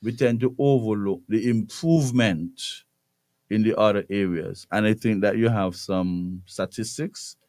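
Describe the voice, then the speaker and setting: Male radio host, Kittitian accent, lowish voice, conversational interviewing, dry close studio sound. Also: measured pace, a little mellow, dry recording.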